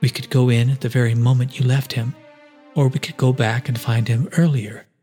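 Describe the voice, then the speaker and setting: A wise male guardian speaks in a measured, reassuring tone, as a male narrator puts him on. The pitch sits mid-range, and a faint musical score plays beneath the storybook reading. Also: little pitch movement, mellow, faint music behind, close to an everyday voice. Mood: calm.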